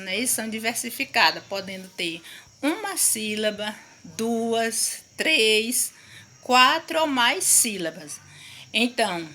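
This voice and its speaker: A woman's voice: a little high, sharp tone. A woman teacher giving a recorded lesson to young pupils, explaining patiently and often checking that they follow. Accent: Brazilian Portuguese. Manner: slow, patient explaining with frequent "não é isso?" checks. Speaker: primary school teacher.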